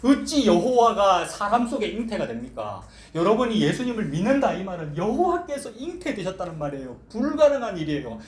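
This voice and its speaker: Korean pastor guy preaching, voice swings way up and down, kinda high, echoey church room. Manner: animated preaching, quoting voices and asking the congregation questions. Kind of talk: sermon. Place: church sanctuary.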